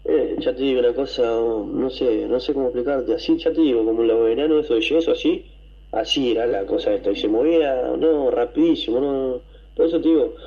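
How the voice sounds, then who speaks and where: A man with an Argentine accent, telling a story to a radio show, excited and rambling, with coughs and throat clearing. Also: medium pitch, dull audio. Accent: Argentine Spanish. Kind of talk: casual storytelling.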